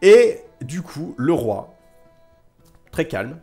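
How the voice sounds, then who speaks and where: This streamer's voice is on the high side, sing-song, mellow and husky, and he talks extremely slowly over faint background music. He recounts history stories to chat in a casual, theatrical way, repeating lines for suspense and emphasis.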